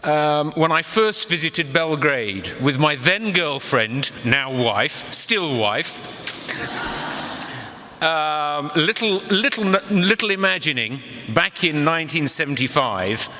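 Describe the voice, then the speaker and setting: A man in his sixties addresses an event in a reverberant hall. His voice is bright and fairly high for a man, and his official speech is conversational and dryly humorous. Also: animated. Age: 60s. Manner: wry, conversational, with pauses for effect. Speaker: Council of Europe official, guest speaker. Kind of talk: ceremonial speech with wry humour. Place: large echoing hall at an evening event.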